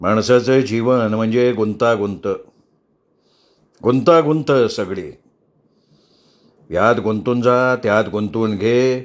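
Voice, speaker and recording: A man voicing a weary, drunk middle-aged man who slowly and bitterly philosophizes about fate. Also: lowish voice. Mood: bitter brooding.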